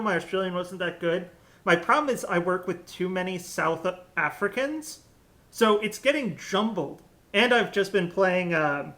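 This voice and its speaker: A young man with a high, sharp voice solo-casts an esports draft over a headset mic. He's chatty and jokey, thinking out loud as he goes.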